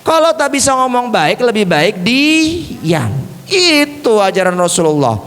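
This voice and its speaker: A man telling a religious lesson to children through a puppet show, with gentle, coaxing questions. He speaks at an unhurried, deliberate pace. A long reverb from a large mosque hall trails his voice. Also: sits high, big pitch swings.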